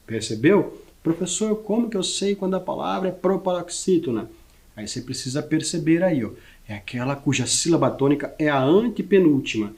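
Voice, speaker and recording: Male teacher, Brazilian Portuguese accent, mid-pitched voice, measured and deliberate delivery, keeps checking in with the viewer during a recorded lesson. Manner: slow, deliberate, stretches out example words; checks in with the listener often.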